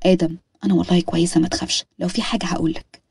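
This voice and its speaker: A woman with an Egyptian accent voicing a caring young woman who gently comforts her friend. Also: on the low side, little pitch movement, racing, breathy edge, no room sound. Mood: reassuring. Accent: Egyptian Arabic.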